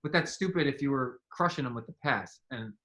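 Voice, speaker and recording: A man's voice: mid-range voice, animated, brisk, pushed and bright. A man hosting a casual sports debate, chatty and often laughing at his own points. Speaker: host.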